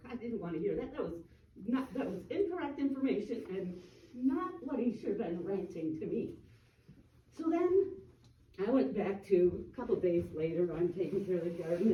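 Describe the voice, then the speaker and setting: An upset woman tells her story at a community meeting, jumping up in pitch when she mimics the people who yelled at her. She stands at some distance from the microphone in an echoey room. The recording is dull and muffled, with a faint hiss behind her. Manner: emotional, quoting others in raised voices. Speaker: resident speaking at a community meeting. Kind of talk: personal complaint at a public meeting. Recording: echoey room, far from the mic, dull sound.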